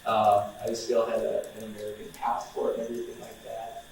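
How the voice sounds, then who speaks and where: A man's voice: on the low side, brisk, vocal fry, distant mic, slight background noise. Young male speaker, loose and conversational with students; room echo, mic set back. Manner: relaxed and chatty, many fillers and restarts. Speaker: outreach coordinator speaking to students. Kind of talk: informal talk to students.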